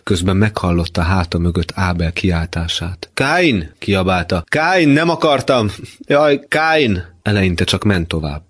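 Deep-voiced man reading literary prose. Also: slightly rough, no echo, studio quality. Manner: measured, expressive reading. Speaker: reader of a novel excerpt.

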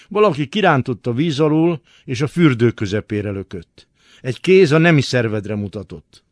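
Man, dramatic literary reading, hushed to forceful, animated melody, dry close sound. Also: medium pitch, dry recording. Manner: expressive, swinging between hushed and forceful. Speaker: reader.

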